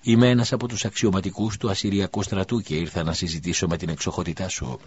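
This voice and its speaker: A man voicing a calm foreign male officer in an audiobook, speaking in a steady, measured way. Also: deep voice, highs cut off, slight background noise, natural voice.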